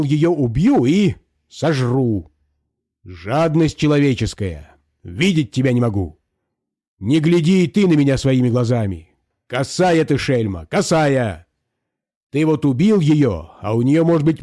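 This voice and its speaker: A man's voice: mid-range voice, sing-song, unhurried, dark tone, no room sound, clean studio sound. A man voicing a pompous provincial landowner who lectures and scolds a peasant with indignant moralizing. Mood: lecturing.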